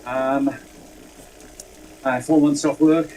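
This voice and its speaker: A man's voice: medium pitch, fairly even intonation, takes it slowly, a little mellow, poor audio. A man, telling rambling, self-deprecating stories in a casual chat. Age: 60s. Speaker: guest. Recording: faint background noise.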